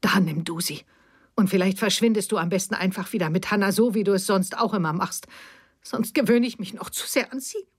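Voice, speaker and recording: A woman's voice: mid-range voice, brisk, breathy edge, close to an everyday voice. A bitter older mother, voiced by a woman reading an audiobook, reproachful and cutting, defensive to the core.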